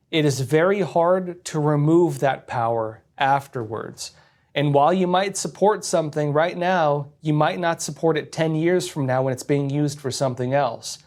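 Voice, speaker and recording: A man in his thirties hosts a livestream, speaking to his live chat with candid, opinionated political commentary in a casual way. His voice is on the high side with a darkish tone.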